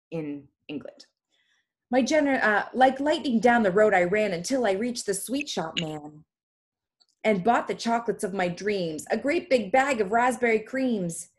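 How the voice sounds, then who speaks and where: A woman reads a rhyming story aloud to young students during an online class. She speaks at a medium pitch, comes through a video-call mic, and keeps the reading lively with quick asides. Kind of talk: reading a poem aloud to children.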